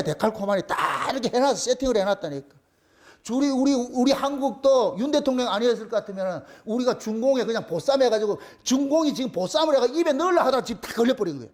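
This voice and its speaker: A man, a pastor, preaching a sermon in a blunt, colloquial way and repeating his key phrases for emphasis. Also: extremely high pitch. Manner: blunt, colloquial, crude at times. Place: church.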